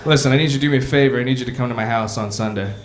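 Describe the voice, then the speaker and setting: A comedian voicing God as a casual, needy buddy who talks in offhand, chummy asides, in a reverberant club room. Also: male voice, medium pitch, racing, close to an everyday voice.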